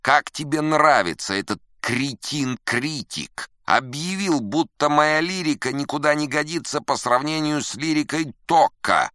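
A man's voice: on the high side, animated, a little slow, few pauses, dry recording, clean studio sound, pitched above the performer's own voice. A man voicing a furious boastful kappa musician. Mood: indignant. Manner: shouting, boastful, indignant. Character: angry vain male kappa musician.

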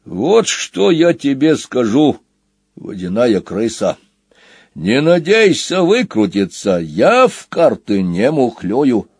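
A man voicing a gruff, menacing wolf gambler. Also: medium pitch, very animated, slow pace, a little mellow, no room sound, clean studio sound, exaggerated voice. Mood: threatening. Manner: menacing, blunt.

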